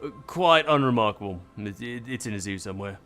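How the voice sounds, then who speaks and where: A man streams a story game in a casual manner, moving between chat and read-out narration. His voice is lively in pitch and has a forceful, bright edge. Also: fast talker, soft background music.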